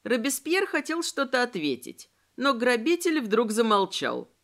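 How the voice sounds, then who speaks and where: A woman narrating an audiobook in a measured, expressive storytelling manner. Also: fairly high pitch. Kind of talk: scripted narration.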